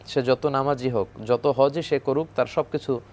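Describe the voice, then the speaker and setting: A man calmly giving a religious talk in a measured way. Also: medium pitch. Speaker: Islamic speaker.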